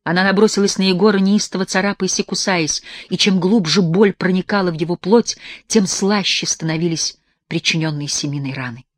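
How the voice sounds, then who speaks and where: A woman narrating a mystic story as an audiobook reader, with intense, hushed dramatic delivery. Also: on the low side, fairly quick, dry recording, studio quality. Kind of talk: audiobook reading of a mystic tale.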